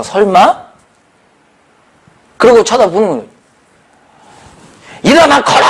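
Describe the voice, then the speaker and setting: Animated, husky-voiced Korean pastor preaching. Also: male voice, high voice. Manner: animated preaching, acts out quoted voices, sudden shouts and drops to near whisper. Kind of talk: sermon. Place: prayer retreat hall.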